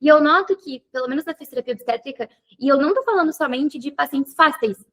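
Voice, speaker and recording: High-voiced woman hosting an interview. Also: quick pace. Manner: talkative, thinks aloud with many fillers. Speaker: podcast host and physiotherapy teacher. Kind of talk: casual interview chat.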